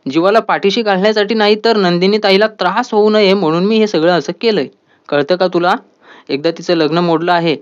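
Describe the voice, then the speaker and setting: A level-headed young woman who explains things firmly, read by a man. Her lines come in a fairly high voice. The audio is slightly dull. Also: close to an everyday voice.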